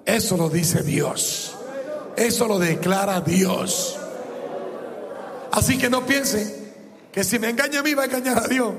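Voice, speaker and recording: A man preaching an impassioned sermon at a church service, often shouting. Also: high voice. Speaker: pastor. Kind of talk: fiery sermon. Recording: long reverb of a church hall.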